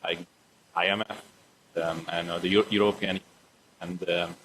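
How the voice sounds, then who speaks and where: A man's voice: low voice, little pitch movement, fairly bright tone, a little hiss or hum, low-quality recording. A male student answering hesitantly over a video call whose audio keeps cutting out and breaking up. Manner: hesitant, halting, many fillers. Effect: choppy, cutting-out video call audio. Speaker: remote student. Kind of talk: answering a question in class.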